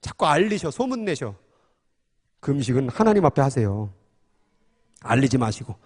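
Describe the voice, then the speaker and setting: A man's voice: medium pitch, very animated, normal speed, a little mellow. A man preaching a sermon as pastor, fervent and emphatic, with filler-laden passionate delivery. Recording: long hall reverb.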